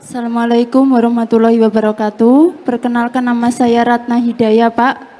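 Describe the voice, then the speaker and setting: A woman's voice: fairly high pitch, little pitch movement, normal speed, dark tone. A woman with a Banjar accent from South Kalimantan, a young farmer, speaking proudly and cheerfully. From South Kalimantan, Indonesia.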